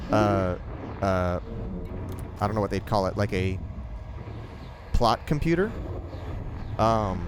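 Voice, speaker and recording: A man chatting casually while streaming a space game with friends, halting with many fillers and restarts. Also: on the low side, background noise. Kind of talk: casual gaming chat. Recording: music playing behind the voice.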